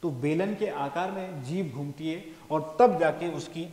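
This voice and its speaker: A man's voice: a little high, unhurried, a little mellow. Man teaching in an echoey room. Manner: explains step by step, often checks with "ठीक है". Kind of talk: classroom lecture. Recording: echoey room, long reverb.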